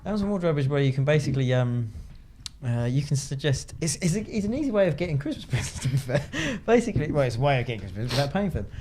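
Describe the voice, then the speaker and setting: A man's voice: on the high side, very animated, racing, a little mellow, a little hiss or hum. A young man co-hosting a casual chat podcast, chatty and talking over the others. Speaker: podcast co-host.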